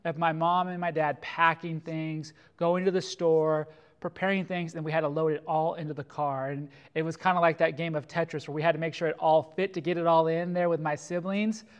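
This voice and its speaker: A middle-aged man from California preaching a sermon as pastor, earnest and slowing down to stress key phrases. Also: on the high side, little pitch movement, clear, resonant tone, muffled recording.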